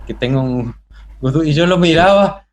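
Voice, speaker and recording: A man's voice: a little high, expressive, normal speed. An Argentine man with an Argentine Spanish accent, a guest chatting casually in an interview, rambling with many fillers and restarts.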